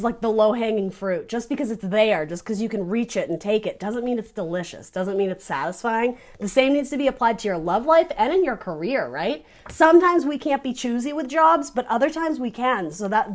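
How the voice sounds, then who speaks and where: A woman with a somewhat high voice talks straight to her viewers through a casual tarot reading. She is chatty and animated, breaks off mid-sentence to chase side thoughts, and laughs easily as she goes. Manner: chatty and animated, with frequent restarts and asides; laughs often while talking. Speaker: tarot reader.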